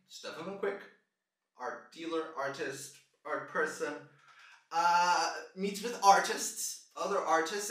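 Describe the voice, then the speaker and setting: A man's voice: fairly high pitch, pushed and bright. A man in his thirties from Brazil, hosting a casual podcast monologue in a loose, rambling, self-mocking way. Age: 30s. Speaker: podcast host. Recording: echoey room, distant mic, music behind.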